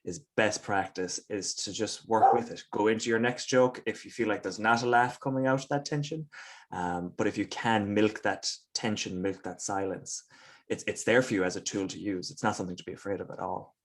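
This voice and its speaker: Man, Irish accent, fairly low voice, casual interview chat, playful, self-deprecating. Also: fairly quick. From west of Ireland. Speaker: guest comedian.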